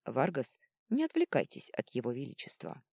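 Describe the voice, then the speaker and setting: A woman voicing a stern female archmage who gives clipped, sharp orders. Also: a bass voice, huge pitch swings, normal speed, creaky, husky, no room sound, studio quality, heavily acted.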